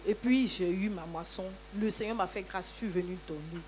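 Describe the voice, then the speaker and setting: A woman giving a lively church testimony, telling her story with many hallelujahs. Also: lowish voice, moderate pace, a little hiss or hum.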